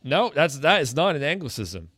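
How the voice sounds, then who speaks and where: A man with an Acadian French Canadian accent, hosting a casual bilingual interview in an informal, halting way. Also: a little high, sing-song, a bit bright, no echo. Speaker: host.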